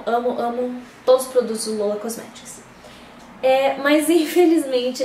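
A woman's voice: fairly high pitch, darkish tone. A woman giving a casual, rambling product review, full of fillers and restarts, recorded at home on a camera mic. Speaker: beauty vlogger. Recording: roomy echo, distant camera mic, faint background hiss. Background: faint street noise.

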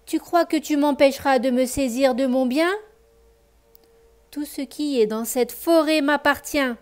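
A woman voicing a furious, menacing female panther spirit in a children's story, hurling loud threats. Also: high voice, unhurried.

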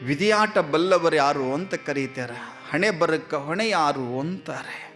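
A male preacher with a North Karnataka Kannada accent, telling a moral story in a sermon, dramatic and swinging between hushed and loud. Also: a little high, lively intonation, takes it slowly, soft background music. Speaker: spiritual preacher.

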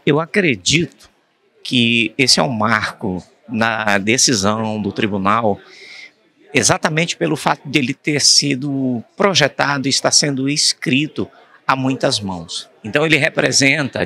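A man's voice: mid-range voice, measured pace, vocal fry, bright, forceful tone. A man in his fifties with a Brazilian Portuguese accent, a staff member speaking emphatically in a press interview. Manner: emphatic, enthusiastic. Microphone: handheld reporter mic.

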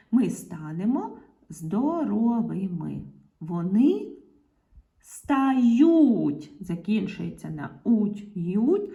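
A primary school teacher patiently explains a grammar lesson to young pupils, speaking slowly and often dropping into half-whispered asides. Her mid-range voice is creaky and mellow, and the audio is dull.

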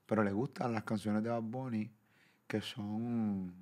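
A middle-aged man with a Puerto Rican accent, hosting a casual chat and telling stories in a lively, profane way. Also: on the low side, unhurried. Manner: animated, profane storyteller who shouts out quoted people. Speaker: podcast host.

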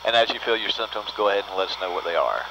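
A man's voice: lowish voice, lively intonation, very fast. A man giving matter-of-fact, courteous training instructions as an instructor over an intercom. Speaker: chamber instructor. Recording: dull noisy radio intercom.

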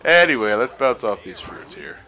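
A man's voice: medium pitch, big pitch swings, moderate pace, creaky, over music. A man joking and swearing through casual gaming banter, laughing often as he plays. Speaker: let's play commentator.

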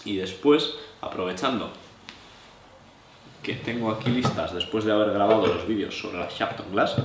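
Low-voiced Spanish man teaching in an echoey room. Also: normal speed, background noise. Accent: Spanish from Spain. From La Mancha, Spain. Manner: relaxed, explanatory, chatty asides. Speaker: knife sharpening instructor. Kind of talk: hands-on tutorial, addressing viewers. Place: living room, seated at wooden table.

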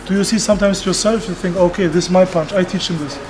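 A man in his thirties hosting a casual interview and gym review, talking in an energetic, emphatic way. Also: high voice, fast talker, noisy background. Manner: energetic, emphatic, animated with hand gestures. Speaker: host. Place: open-air boxing gym, then outdoor garden.

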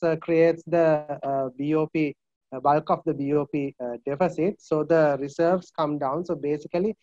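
A man with a Sri Lankan English accent, an analyst on a video call panel, speaking haltingly with many filler sounds. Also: a little high, darkish tone, no echo. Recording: muffled video call audio.

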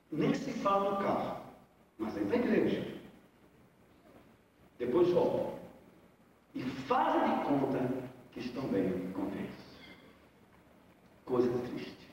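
A man's voice: on the high side, wildly swooping pitch, slow, long pauses, darkish tone, slight background noise. A male pastor preaching a sermon, speaking emphatically and putting rhetorical questions to the congregation. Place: large hall. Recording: echoey hall, voice from far off, dull sound.

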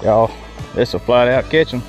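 A folksy man talks straight to his viewers while he fishes from a pond bank outdoors. His voice sits at a middling pitch, with easygoing, chatty commentary and faint music behind him. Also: moderate pace. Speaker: fishing vlogger.

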